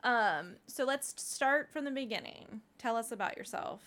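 A young woman hosting a casual podcast interview at home, chatty and quick with asides. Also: fairly high pitch, expressive, a bit bright. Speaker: podcast host. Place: home room with a dog.

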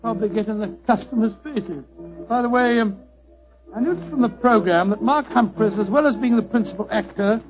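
A man's voice: high-pitched, fairly quick, over music, natural voice. A man playing a genial, easily astonished doctor with an English accent, fussy and bluff, in old radio narration and drama. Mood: fussy, amused. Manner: fussy, bluff, exclamatory storyteller. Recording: noisy, dull vintage radio recording.

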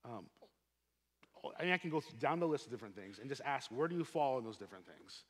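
A man preaching a sermon as pastor, earnest and emphatic, swelling on key points and dropping soft at the ends of phrases. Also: medium pitch, lively intonation, quick pace. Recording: long hall reverb.

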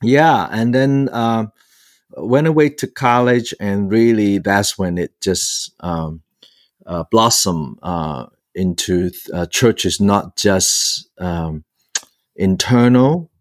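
This guest is a priest and author from Hong Kong, a man in his sixties recounting his own story in an interview. His pitch is fairly low, and the clean studio recording is dry. He often stalls, pausing at length and repeating fillers while reaching for words.

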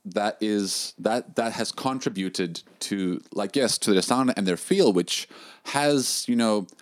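Low-voiced young man rambling about drumming. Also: takes it slowly, dry recording, clean studio sound. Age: young adult. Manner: rambling, many fillers and restarts. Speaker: drum teacher. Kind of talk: casual podcast chat.

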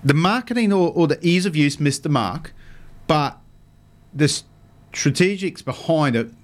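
Casting: Australian male radio host, fairly high voice, chatty interviewing style. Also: lively intonation, normal speed. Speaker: radio fishing show host. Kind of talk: casual radio chat. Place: radio studio.

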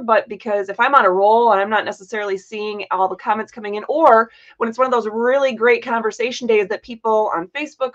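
A woman's voice: medium pitch, fairly bright tone, lo-fi sound. A woman hosting a live talk show, chatting casually in a rambling way with lots of fillers and playful teasing. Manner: chatty and rambling, many fillers and self-corrections. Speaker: podcast host. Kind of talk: casual livestream chat.

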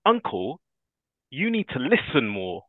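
A man's voice: mid-range voice, wildly swooping pitch, measured pace, no room sound, pitched above the performer's own voice. Man doing his small niece: insistent, huffy, cheeky; light lift, thin phone audio. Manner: huffy, puffy. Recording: dry, tinny phone-like line.

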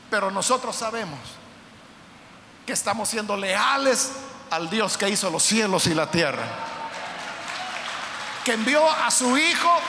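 An impassioned preacher who breaks into shouts. His voice is very high and piercingly bright. It rings through a large hall with a long echo and faint ambient noise behind it. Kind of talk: sermon.

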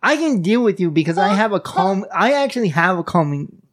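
A man's voice: high-pitched, big pitch swings, fairly quick, fairly bright tone. A man chatting casually as a guest on a podcast. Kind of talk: casual chat.

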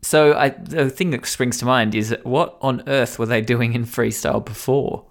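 A man's voice: medium pitch, steady tone, normal speed, creaky. A man co-hosting a podcast, casual and playful, asking curious questions. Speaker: podcast co-host.

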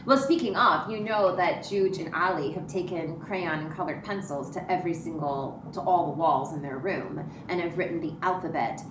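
A woman in her thirties co-hosting a podcast, joking and wisecracking in an animated way. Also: fairly low pitch, normal speed, hardly any pauses. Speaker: podcast co-host. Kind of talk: casual chat. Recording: echoey room, mic at a distance, clear background noise.

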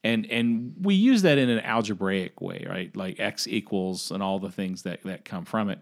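A man's voice: lowish voice, animated, moderate pace, gravelly. A man from the American South with a Southern accent, co-hosting a casual Bible discussion and talking conversationally, often repeating words as he restarts. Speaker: podcast co-host.

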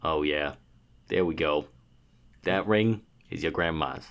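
A man voicing a gruff old grandfather who pushes his grandson to marry, in a low, growly put-on voice. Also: slow pace, fairly bright tone, exaggerated voice.

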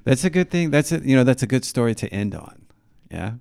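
Relaxed podcast host, native English man. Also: medium pitch, fairly quick, creaky, clean tone, no room sound, clean studio sound. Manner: relaxed, encouraging, rephrases the guest's points. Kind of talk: casual interview.

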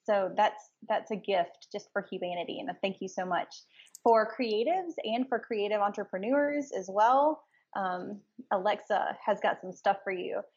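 A woman's voice: medium pitch, moderate pace, a little mellow, slightly rough, lo-fi sound. A woman hosting a podcast interview, talking earnestly and reflectively, often repeating words as she thinks. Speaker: podcast host. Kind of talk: casual interview chat.

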